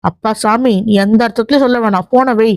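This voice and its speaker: A woman's voice: fairly high pitch, steady tone, a little fast, darkish tone, dry recording, natural voice. Woman reading as an exasperated young husband. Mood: defensive.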